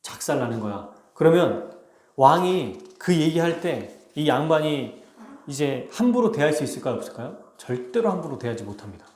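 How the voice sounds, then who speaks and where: A man pastor preaching a sermon, telling a story with animated delivery and acting out its characters. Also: on the high side, moderate pace, a little hiss or hum. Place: church. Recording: echoey church hall.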